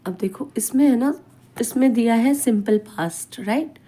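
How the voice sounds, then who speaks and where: Slow, patient woman teaching grammar. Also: on the high side, dark tone. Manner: slow, explanatory, asks and answers own questions, frequent "right?"; reads English example sentences slowly within Hindi explanation. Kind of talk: classroom grammar lesson.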